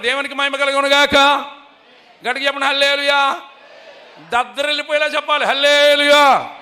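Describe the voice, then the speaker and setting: A male preacher with a very high, piercingly bright voice leads a revival sermon. He repeats his questions and urges the congregation to shout the answers back. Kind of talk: sermon with call-and-response. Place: church revival meeting.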